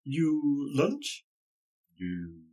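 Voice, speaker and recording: A man voicing an elderly village man who speaks in halting, broken phrases and repeats his words. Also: on the high side, wildly swooping pitch, dark tone, exaggerated voice. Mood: welcoming.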